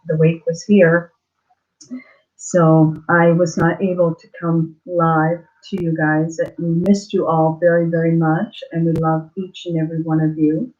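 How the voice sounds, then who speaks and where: A woman hosting a casual live chat, greeting viewers haltingly and apologetically, her mouth swollen and slightly thick-sounding after dental surgery. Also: low voice, a little mellow. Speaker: livestream host. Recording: dull lo-fi livestream audio.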